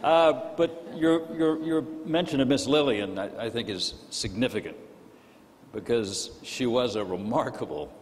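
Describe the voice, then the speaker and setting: A man's voice: mid-range voice, unhurried, a little hiss or hum. A man moderating a panel, asking conversational questions. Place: lecture hall. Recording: reverberant hall, faint ambience.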